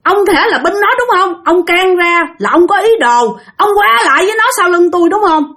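A woman's voice: lively intonation, brisk, a bit bright, full character voice. A woman voicing a furious, jealous older sister shrieking accusations. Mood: furious, accusing. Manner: shrill accusing tirade.

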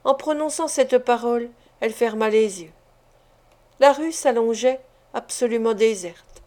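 A woman narrating a classic literary story in a measured, expressive reading. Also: on the high side. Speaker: audiobook narrator.

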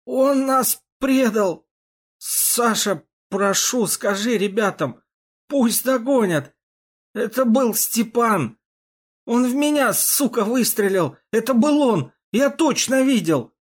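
A man voicing a dying young Komsomol organizer, badly wounded, gasping and pleading slowly. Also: very high-pitched, lively intonation, voice pushed up, full character voice. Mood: pained pleading. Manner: slow, strained, pleading. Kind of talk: audiobook character voice.

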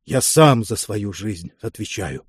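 Dazed stern commissar, weak clipped hush, read by a male narrator; war audiobook, dry. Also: lowish voice, expressive, slow, breathy edge, no echo, pitched below the performer's own voice, exaggerated voice.

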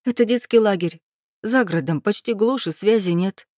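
A woman voicing a tearful, anxious young woman who speaks high and strained. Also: normal speed, dark tone, dry recording, studio quality, natural voice.

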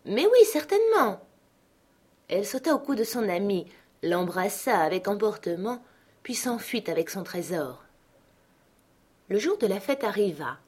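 A woman narrating a classic short story aloud in a measured, expressive way. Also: mid-range voice, husky.

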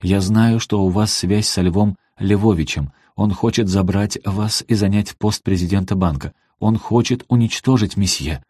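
A man's voice: fairly low pitch, normal speed, few pauses, a little mellow, husky, no echo, studio quality. A man reading an audiobook, voicing an indignant housekeeper who scolds her mistress. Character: angry accusing female housekeeper.

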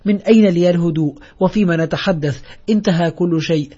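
A man's voice: high-pitched, brisk, warm tone, breathy edge. A male narrator voicing a desperate, weary young woman who pleads and reproaches. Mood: pleading. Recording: dull lo-fi audio.

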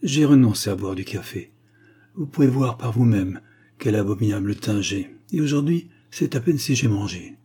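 A man's voice: on the low side, lively intonation, moderate pace, warm tone, slightly rough. A man voicing a nervous, frightened man who protests desperately, in a read-aloud story. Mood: forced bold.

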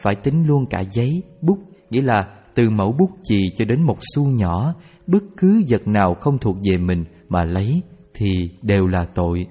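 A man calmly telling a personal Buddhist story as a father, in a measured reading. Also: on the low side, husky. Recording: reverberant with background music.

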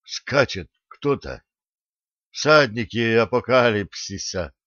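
A man voicing a dazed, feverish elderly pensioner in an audiobook, giving hoarse urgent warnings. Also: medium pitch, expressive, slow, fairly bright tone, dry recording, lo-fi sound.

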